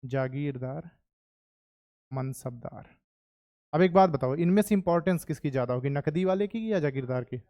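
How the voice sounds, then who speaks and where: A man's voice: a little high, moderate pace, long pauses, dark tone. A man teaching history to a class of exam students, chatty and often checking that they follow.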